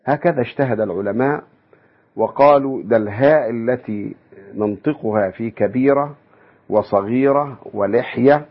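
A man giving an academic lecture, measured and explanatory, posing rhetorical questions to his listeners. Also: mid-range voice. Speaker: university lecturer. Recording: dull lo-fi radio broadcast.

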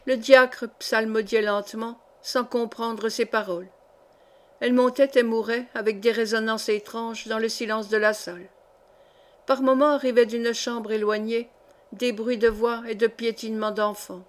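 A woman reading a classic story aloud as an audiobook narrator, with a measured, even delivery. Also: on the high side.

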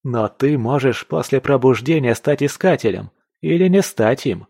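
A man reading an audiobook, voicing an excited, boastful young male fighter with an eager, loud delivery. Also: mid-range voice, normal speed, creaky, slightly rough, no room sound, studio quality, pitched above the performer's own voice. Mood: earnest. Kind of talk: audiobook character voice.

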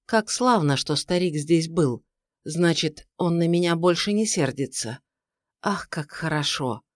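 A man's voice: on the high side, expressive, measured pace, dry recording, clean studio sound. A man reading aloud, voicing a weak, feverish young woman who speaks faintly and plaintively. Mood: dreamy.

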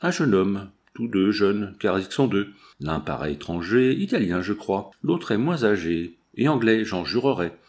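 A man reading the part of a pushy woman furniture dealer, full of brisk sales patter. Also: on the low side, sing-song, a little mellow.

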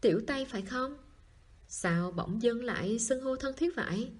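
An elderly, warm grandmother in an audiobook, read by a woman with a husky voice. She chides with fondness rather than anger. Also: on the high side, expressive, normal speed, voice pushed up. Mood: fond.

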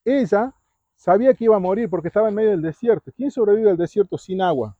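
A man's voice: high-pitched, lively intonation, quick pace, warm tone, no room sound. A man giving a Bible talk to preteens at a retreat, often quizzing his listeners and tagging his lines with "¿sí?". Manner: keeps asking the audience questions, tags lines with "¿sí?". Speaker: youth retreat speaker. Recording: dull lo-fi recording.

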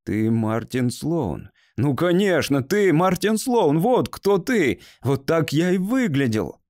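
A man's voice: medium pitch, expressive, normal speed, darkish tone, dry recording, natural voice. Shaken grown man, emotional and pleading, read by a male narrator, dry close sound. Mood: excited. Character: grown man shaken by meeting his childhood self.

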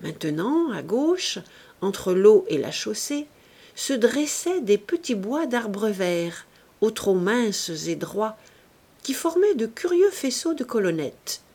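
Brief: female audiobook narrator, breathy, slow, very lively pitch. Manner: expressive and unhurried. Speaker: audiobook reader. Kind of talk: novel narration.

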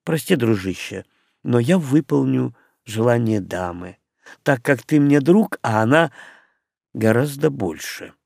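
A man's voice: medium pitch, expressive, a little slow, vocal fry, darkish tone, no room sound, clean studio sound. A man voicing a cheerful, joking young male doctor in an audiobook. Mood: breezy.

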